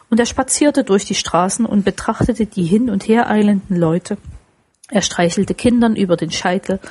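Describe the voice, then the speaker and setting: A woman narrates a classic tale in a steady, expressive audiobook reading. Her voice has a slightly husky, breathy edge at a mid pitch.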